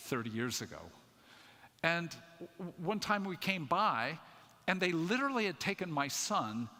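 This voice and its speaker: An older man giving a conference talk in a church, telling a family story in an animated, self-mocking way. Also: fairly high pitch. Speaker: conference speaker. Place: church sanctuary. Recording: echoey church hall.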